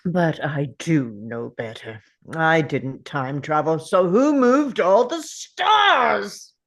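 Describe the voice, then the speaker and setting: Performer acting brooding male time traveller, slow delivery, widely swinging pitch, theatrical, clever, sci-fi drama script read. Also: very animated, gravelly, a bit bright, exaggerated voice. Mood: wary, puzzled. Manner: theatrical, deliberate, pondering aloud. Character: brooding, clever time-travelling alien man called the Doctor.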